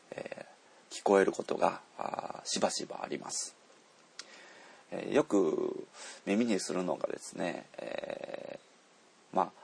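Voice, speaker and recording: A man teaching pronunciation to learners, unhurried, with many drawn-out fillers. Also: deep voice, gravelly, husky. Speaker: Korean language teacher.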